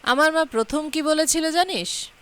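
Sharp-tongued young woman telling people off, woman reading it, bit high voice. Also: moderate pace. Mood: scolding. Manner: teasing, scolding.

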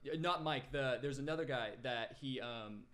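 A man in his twenties, a videographer appearing as a guest on a casual podcast, tells his story in a rambling way full of fillers and restarts. His mid-range, slightly bright voice moves at a moderate pace, picked up by a boom-arm desk mic in a small podcast room.

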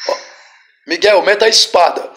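A Brazilian man with a high voice leads a deliverance prayer as a pastor. He drives it with forceful, repeated commands and breaks into sudden shouts. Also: moderate pace. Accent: Brazilian Portuguese.

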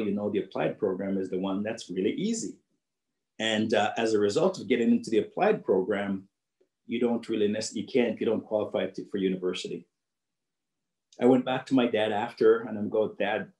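Joining by video call from his home office, a middle-aged guest speaker from Jamaica shares a personal story with young people in an earnest way, repeating phrases to drive points home. His Jamaican-accented voice is lowish and a little mellow, heard in an echoey room.

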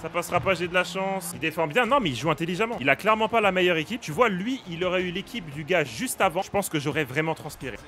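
Young man, gaming streamer, casual excitable commentary, slightly high voice, game music behind. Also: fast, hardly any pauses. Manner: excitable, yells at the game, laughs.

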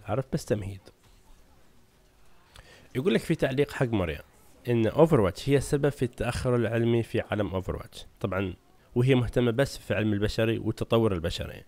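Rapid-fire chatty man. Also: mid-range voice, a little mellow. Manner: chatty, asks the audience "right?". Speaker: gaming channel host. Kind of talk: casual lore explainer.

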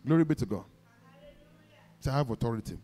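A man's voice: medium pitch, expressive, quick pace, soft background music. A man with a Nigerian accent, a pastor preaching a sermon, telling stories with acted-out dialogue and leading the congregation in call-and-response declarations. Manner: exclamatory, peppers talk with praise shouts; vivid storytelling, acts out dialogue.

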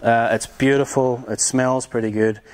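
A young man, a tiny house builder, gives a relaxed, rambling hands-on demonstration of building materials, with lots of ums. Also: medium pitch, normal speed.

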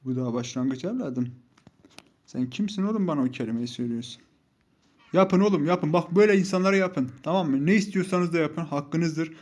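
A man's voice: fairly high pitch, fairly quick, a little mellow. A young man commentating live over his mobile game, heated and mocking as he scolds his teammates. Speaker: gaming YouTuber.

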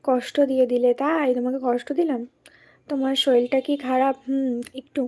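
A woman from West Bengal chatting casually with viewers during a live stream. She has a cold and speaks softly and slowly. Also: sits high, flat delivery. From West Bengal, India.

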